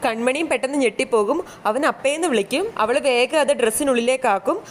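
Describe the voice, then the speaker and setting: High-voiced woman narrating a serial recap. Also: brisk. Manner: steady storytelling in present tense.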